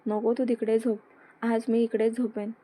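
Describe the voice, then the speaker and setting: A woman voicing a protective, short-tempered young husband who talks firmly and scolds, read in a flat, even way. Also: on the high side, normal speed, close to an everyday voice. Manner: firm, scolding.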